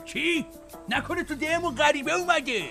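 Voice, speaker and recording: An actor playing an older village uncle who questions a child and gives orders. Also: male voice, very high voice, vocal fry, bright, forceful tone, full character voice. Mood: suspicious. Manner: questioning, commanding. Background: music.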